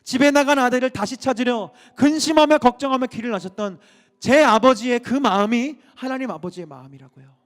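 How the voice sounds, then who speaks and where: A man's voice: very high-pitched, fairly quick. A male pastor preaching an impassioned sermon full of rhetorical questions.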